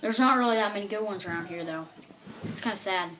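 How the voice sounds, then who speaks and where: A woman's voice: medium pitch, quick pace, a bit bright, faint music behind. A woman telling a rambling stand-up comedy story, full of filler words like "like" and "you know".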